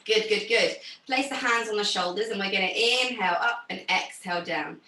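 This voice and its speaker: A young woman teaching a pilates class over a video call, giving gentle, encouraging cues. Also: mid-range voice, normal speed, recorded from a distance. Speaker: pilates instructor. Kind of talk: guided exercise class instruction. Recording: roomy sound from off the mic.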